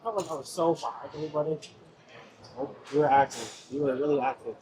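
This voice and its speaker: A man's voice: a little high, quick pace, dark tone. A man chatting casually at a table, rambling and filling his talk with "like". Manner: rambling, full of "like". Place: busy buffet restaurant. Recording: crowded buffet chatter behind.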